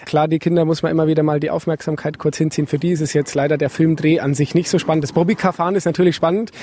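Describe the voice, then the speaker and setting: Slightly high-voiced man, hesitant answers. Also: fairly even intonation, racing, warm tone. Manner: hesitant, with fillers. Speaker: workshop leader. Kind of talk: casual interview answers.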